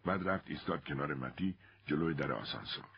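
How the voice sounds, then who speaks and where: A man narrating an audiobook in an expressive storytelling manner. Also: extremely low pitch, creaky, husky, dry recording, highs cut off.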